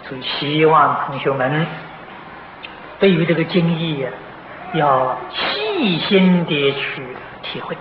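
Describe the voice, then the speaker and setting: An older man giving a slow, patient lecture on a Buddhist sutra, filling pauses with drawn-out "ah" sounds and clearing his throat now and then. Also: on the high side, sing-song. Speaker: Buddhist teacher. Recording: dull, roomy, noisy old tape of a lecture hall.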